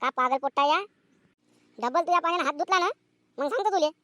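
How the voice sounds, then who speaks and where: A woman doing a super high squeaky cartoon village mom, nags nonstop fast, dry close sound. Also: sharp tone, dry recording. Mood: scolding. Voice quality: nagging, scolding, rapid-fire. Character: scolding village mother, middle-aged, sharp-tongued. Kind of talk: cartoon comedy dialogue.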